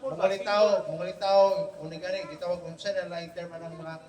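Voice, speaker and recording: A man with a high, light voice leads a family Bible study, animated and teasing, tossing "no?" at his listeners every few phrases. He sounds set back from the mic in an echoey room. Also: a little fast, far from the mic. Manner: animated, teasing, keeps checking in with "no?". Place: home room with family gathered.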